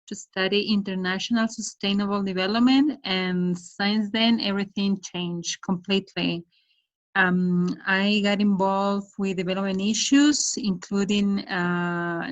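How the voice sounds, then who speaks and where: A woman's voice: mid-range voice, dull audio. A middle-aged woman from Ecuador, a guest on a video call from her home, explaining her work steadily with hesitant fillers. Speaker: guest, development project manager. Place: indoor room at home. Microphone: laptop webcam on video call.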